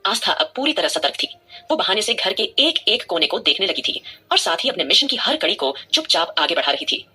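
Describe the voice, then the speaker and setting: A woman's voice: mid-range voice, big pitch swings, brisk, sharp tone, slightly rough. A woman narrating a scripted audio drama with dramatic storytelling.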